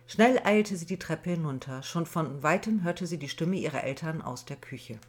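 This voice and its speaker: Low-voiced, husky woman reading. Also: animated, normal speed. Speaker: author reading her novel. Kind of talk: audiobook reading.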